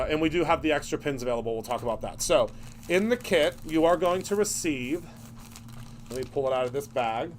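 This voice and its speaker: A man's voice: fairly high pitch, slight background noise. A man hosting a casual live craft stream, chatty and upbeat, greeting viewers by name as he shows products.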